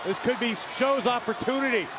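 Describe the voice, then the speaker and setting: A man's voice: very high voice, moderate pace. A man doing live colour commentary on wrestling, speaking in a dramatic, emphatic way full of hyperbole. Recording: loud crowd and arena noise.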